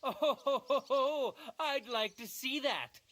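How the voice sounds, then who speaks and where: A performer playing a scornful village bully in a video game who mocks and taunts. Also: female voice, high voice, extremely slow, fairly bright tone, full character voice. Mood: mocking. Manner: mocking, taunting.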